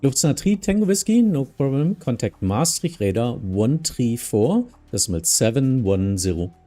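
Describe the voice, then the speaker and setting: Mellow German man working air traffic control. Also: mid-range voice, big pitch swings, normal speed, soft background music. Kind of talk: air traffic control radio phraseology and casual commentary.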